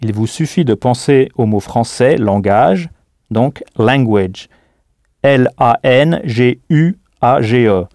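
A man's voice: mid-range voice, expressive, slow, a little mellow, dry recording, studio quality. A man teaching a scripted audio language lesson, patient and didactic, prompting the listener to answer.

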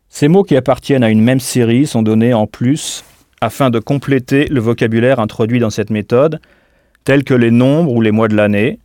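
Slow, deliberate male language teacher. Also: mid-range voice, warm tone, no room sound, studio quality. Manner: slow, deliberate, spells words letter by letter. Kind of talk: scripted audio language lesson.

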